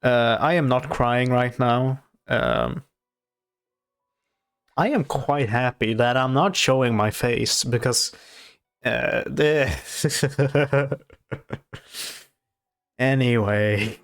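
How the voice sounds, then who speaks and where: A man reacts to a show in off-camera commentary. His voice is gravelly and his pace slow. He restarts sentences often and speaks softly. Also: medium pitch, animated, soft background music. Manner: halting, many fillers and restarts, soft-spoken. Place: off-camera voice-over.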